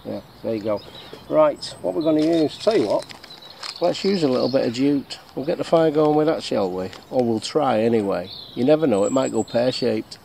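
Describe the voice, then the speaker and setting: Gravelly and dark in tone, his mid-range voice has lively intonation and a moderate pace. This middle-aged English bushcraft vlogger casually shows his gear at a woodland camp, joking and answering questions he puts to himself. An action camera on his chest or tripod records him, with birdsong and faint outdoor noise around.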